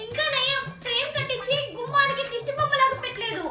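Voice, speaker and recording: A woman's voice: extremely high pitch, expressive, moderate pace, roomy sound, over music. Woman doing a bossy scolding mom. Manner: scolding, boastful, drawling. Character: bossy, scolding middle-aged mother chasing internet fame.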